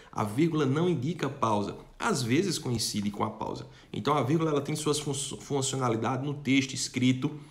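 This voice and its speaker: A man's voice: on the high side, a bit bright. A young man teaching a lesson, asking rhetorical questions, answering them himself and checking in with his students. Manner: addresses students directly and checks in often. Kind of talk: online lesson.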